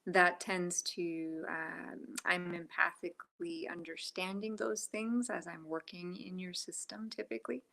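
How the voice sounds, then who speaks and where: A woman Reiki practitioner talking casually on a phone video call from home, soft-spoken with lots of fillers, sometimes dropping to a whisper. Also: on the low side, fairly even intonation, a little slow, gravelly, hardly any pauses, slight background noise.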